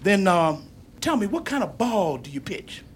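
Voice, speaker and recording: A man's voice: sits high, very animated, moderate pace, a little hiss or hum. An actor playing a hesitant, stammering male catcher in a radio drama.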